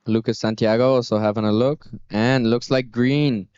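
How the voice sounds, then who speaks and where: A man's voice: medium pitch, steady tone, normal speed, darkish tone, clear, resonant tone, dry recording, muffled recording. A man giving live commentary as a surf contest announcer.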